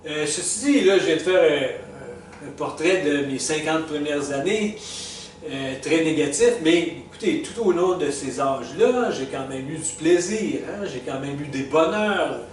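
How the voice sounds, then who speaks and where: Recorded from well back in an echoey room with faint hiss, a man in his sixties from Quebec, a retired vlogger, muses casually about the stages of his life in a Québécois French accent. His fairly high voice stumbles along with fillers, restarts and small chuckles.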